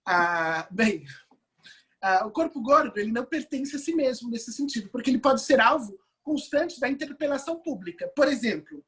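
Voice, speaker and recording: A Brazilian woman lectures in a fairly high, husky voice. She builds her points slowly, with rhetorical questions and frequent tag questions as she reasons aloud. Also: animated, a bit bright. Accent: Brazilian Portuguese. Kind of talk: online course lecture.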